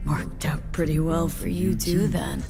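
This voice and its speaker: A woman's voice: sits low, steady tone, measured pace, music in the background. A woman playing a wry, sardonic mercenary in a video game, her voice layered with a digital ghost's second voice. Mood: wry, nostalgic. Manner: dry, sardonic. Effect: two layered voices, digital ghost over woman's voice.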